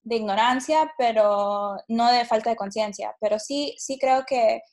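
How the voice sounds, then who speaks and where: A woman's voice: a little high, a little slow, darkish tone. A woman in her late twenties from Honduras, answering interview questions reflectively, with many fillers and restarts. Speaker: guest, startup CEO.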